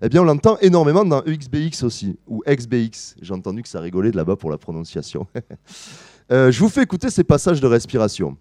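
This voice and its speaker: A man giving an academic lecture to a live audience, explaining his analysis step by step, pausing with fillers and correcting himself. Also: mid-range voice, very animated, warm tone. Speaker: musicology lecturer.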